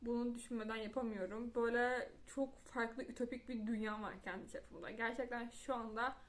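A woman's voice: fairly high pitch, fairly even intonation, brisk. A young woman talking casually to camera in a vlog, chatty and self-mocking, often restarting her words. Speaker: vlogger. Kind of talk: casual confessional chat to camera.

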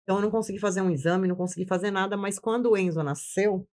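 A woman's voice: medium pitch, very fast, darkish tone. A woman giving an intense personal testimony as an interview guest, repeating phrases and acting out what she once said. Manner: intense, repeats phrases, acts out her own past words.

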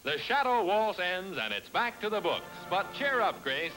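A man narrating an old 1940s newsreel in a brisk, chipper announcer manner, speaking over loud music. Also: high voice, big pitch swings, poor audio.

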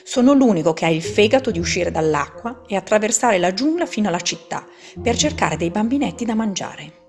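A woman voicing a huge, greedy, boastful male crocodile in a storybook reading, gloating and bragging, with soft music behind. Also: mid-range voice, expressive, brisk, pitched above the performer's own voice, close to an everyday voice.

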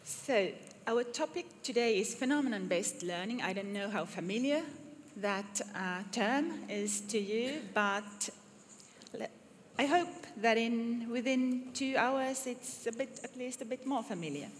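Finnish lady running a workshop, bit high voice, lots of uh and restarts, echoey conference room, faint hiss. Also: lively intonation, measured pace. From Finland. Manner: friendly, hesitant, with fillers and restarts. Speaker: workshop presenter. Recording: reverberant hall, faint noise.

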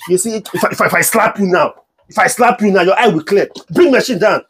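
A young Nigerian man with a husky, fairly high voice plays a husband in a comedy skit. He talks fast and scolds his wife in an exasperated way. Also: fairly bright tone. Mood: scolding. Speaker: skit actor playing the husband.

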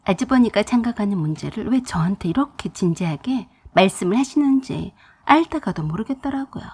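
A woman's voice: medium pitch, lively intonation, fairly quick, darkish tone, breathy edge. A young adult woman narrating her own story in the first person, with an indignant, exasperated manner.

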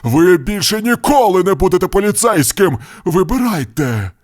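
A woman's voice: fairly low pitch, big pitch swings, moderate pace, darkish tone, soft background music, voice pushed up. A woman voicing a cold, scheming rich male lynx in a storybook reading, with an icy, threatening manner. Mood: icy threat.

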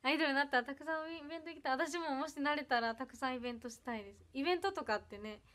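A young woman with an Ehime Iyo accent tinged with Kansai chats on a casual livestream from her home. Her voice sits high, and she giggles a lot as she reads out viewer comments. Many of her lines fade off into a soft murmur. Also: racing. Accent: Iyo dialect of Ehime mixed with Kansai. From Ehime, Japan. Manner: bubbly, giggly, often trails off softly. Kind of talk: casual birthday livestream chat.

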